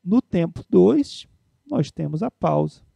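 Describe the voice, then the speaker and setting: Brazilian male music teacher, patient step-by-step explainer, higher-pitched voice with a gravelly edge. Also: big pitch swings, takes it slowly, dark tone, dry recording. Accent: Brazilian Portuguese. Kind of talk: spoken piano and music theory lesson.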